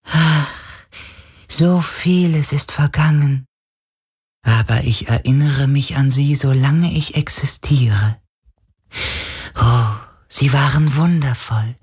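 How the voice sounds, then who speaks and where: A man voicing an ancient, dying male sea spirit in an audiobook. He speaks in a breathy whisper, wistful and rapturous. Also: medium pitch. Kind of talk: audiobook character voice.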